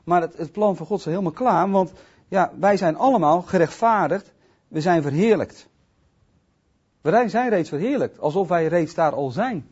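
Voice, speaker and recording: A man gives an informal bible teaching, talking conversationally and often checking in with his listeners. His voice sits a bit high, dark and husky, and it leaps around as he moves from quiet asides to loud, emphatic stresses. The recording sounds dull and lo-fi. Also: expressive, moderate pace.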